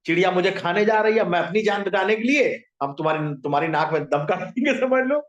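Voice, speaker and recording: A man voicing a tiny female ant who talks in a hurried, flustered way, in an echoey room. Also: sits high, lively intonation, muffled recording. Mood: bossy. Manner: hurried, flustered, then bossy.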